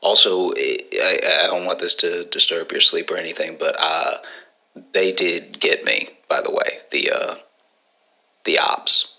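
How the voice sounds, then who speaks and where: A man playing a gruff man who phones a friend to say goodnight, speaking slowly and earnestly. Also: muffled recording, full character voice. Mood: nervous. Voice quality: gravelly, very deep. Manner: slow, soft, earnest, halting.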